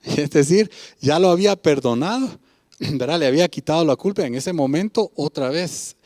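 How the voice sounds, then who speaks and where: A man preaching a sermon, his fairly high voice rising and falling in wide, lively swings. He stops often to ask the congregation whether they agree. The sound is dry and close, with little room echo. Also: normal speed. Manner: emphatic preaching, often asks listeners "¿verdad?"; retells a Bible parable and comments on each part.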